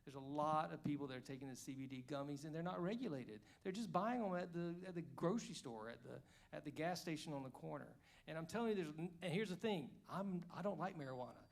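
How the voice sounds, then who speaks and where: A man's voice: a little high, lively intonation, quick pace, vocal fry, hardly any pauses. A man in his fifties from Georgia, a candidate giving a chatty, joking forum speech at an indoor evening event. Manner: joking, chatty, rambling asides. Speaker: congressional candidate.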